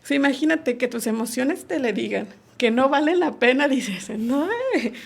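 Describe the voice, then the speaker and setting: Woman, fairly high gravelly voice, explaining patiently on radio talk. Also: moderate pace. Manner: explanatory, acts out parents' lines. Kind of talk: radio talk show conversation.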